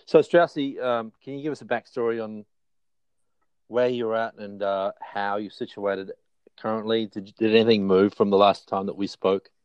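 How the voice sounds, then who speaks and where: A man's voice: on the low side, steady tone, moderate pace, clean tone, no echo, dull audio. An Australian man co-hosting a casual podcast chat in a laconic, easygoing way. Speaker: podcast co-host.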